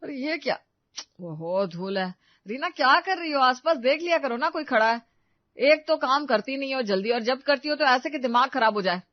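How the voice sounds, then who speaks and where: A woman's voice: mid-range voice, measured pace, dry recording, natural voice. Woman doing a fed-up young husband, cartoon, scolding, dull dry recording. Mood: exasperated. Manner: scolding, exasperated. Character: harried young husband, easily exasperated. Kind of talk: cartoon voice acting.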